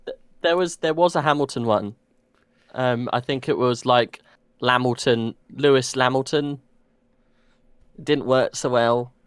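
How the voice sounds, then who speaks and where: A man's voice: medium pitch, normal speed, smooth, no room sound. A man co-hosting a casual racing podcast, jokey and playful, swearing now and then. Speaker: podcast co-host.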